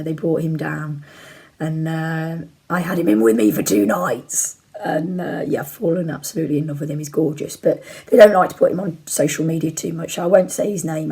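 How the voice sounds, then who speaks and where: A woman in her forties talks to camera like a chatty video blogger. Her voice sits fairly low and is husky and croaky, as if she is under the weather. She rambles candidly and informally as she answers questions. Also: dark tone. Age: 40s. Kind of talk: casual chat to camera, answering viewer questions. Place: bedroom at home, indoors.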